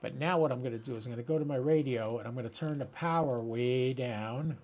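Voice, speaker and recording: This ham radio channel host talks a little fast in a medium-pitched, darkish voice. He's giving an informal live demo at his computer, addressing viewers and voicing his thoughts as he works.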